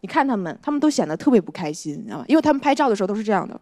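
A woman performing a stand-up comedy set on a studio stage, talking conversationally with deadpan punchlines and often asking the audience "you know?". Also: mid-range voice, very fast, background noise. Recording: stage mic with loud audience laughter.

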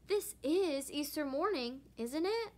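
A woman reading aloud voices three squabbling young kittens with eager, squeaky voices. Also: expressive, slow pace.

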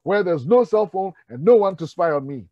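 A man's voice: high voice, lively intonation, normal speed, breathy edge, dry recording, highs cut off, voice pushed up, heavily acted. Man putting on a fed-up pizza customer. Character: exasperated male pizza customer, adult.

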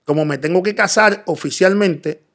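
Man, raised gravelly voice, earnest interview guest recounting his story. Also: high voice, normal speed, a bit bright. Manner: earnest storytelling, quoting himself in dialogue. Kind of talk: personal testimony in interview.

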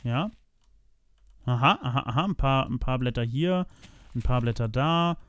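A young man chats his way through a building session, addressing his viewers as friends and thinking aloud as he places blocks. His voice sits at an ordinary middle pitch. The sound is dry and close, with no room echo. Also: moderate pace, fairly bright tone. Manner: chatty, talks to viewers as "meine Freunde"; thinks aloud while building, frequent restarts and fillers. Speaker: let's play host. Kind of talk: casual gameplay commentary.

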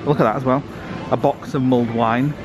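A man talking in a casual, chatty vlog; he gets excited easily and laughs often. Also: mid-range voice, brisk. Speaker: vlogger, half of a married couple.

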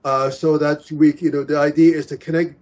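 Talking through a laptop webcam from a small indoor room, this forties-aged singles-event organizer sounds a little high, level and brisk, with a darkish tone. The video call is casual, full of restarts and filler words.

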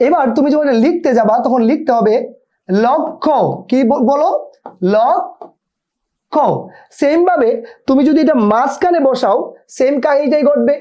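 A man's voice: very high-pitched, warm tone. A male teacher gives an exam-prep lesson and keeps asking students to repeat words back to him. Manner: drills students with repeated call-and-response questions. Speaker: Bangla teacher. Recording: dull lo-fi recording.

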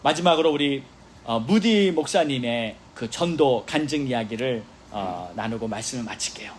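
In a church sanctuary, a male pastor preaches a sermon as an animated storyteller, using exclamations and quoted dialogue and calling for responses from the congregation. His mid-range voice moves at normal speed, with a little hiss or hum in the recording.

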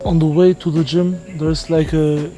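Brief: male vlog host, slightly higher voice, eager and casual, with music clearly under him. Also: flat delivery, normal speed. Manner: enthusiastic, punctuates with "boom". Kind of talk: casual travel vlog narration.

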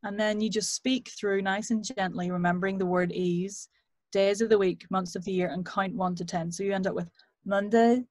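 Here a British voice coach runs through vocal exercises on a video call, lively in her demonstrations at a home studio mic. Her mid-range voice moves at a moderate pace with no echo.

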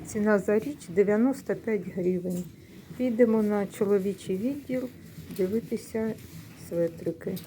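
This middle-aged woman speaks in a mid-range, dark-toned voice at normal speed, with slight background noise. In a secondhand shop, she casually vlogs about secondhand clothes, explaining items unhurriedly and catching herself mid-word.

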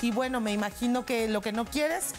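A woman co-hosting a studio TV interview, chatty and quick to finish the guests' sentences. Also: a little high, soft background music. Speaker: TV show co-host. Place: TV studio set.

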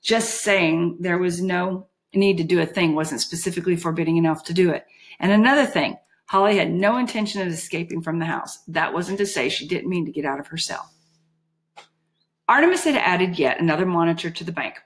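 A woman narrating a novel aloud in a steady, measured reading voice. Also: fairly low pitch. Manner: steady, measured, occasional slips. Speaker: audiobook narrator. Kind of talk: storybook narration.

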